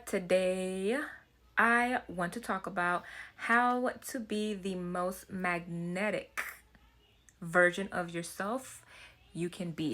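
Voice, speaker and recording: Speaking to camera in a casual, personal way, a woman with a Haitian accent shares self-development advice, earnestly thinking aloud and circling back to repeat words. Her voice sits notably low yet sounds bright and forward, and there is slight background noise.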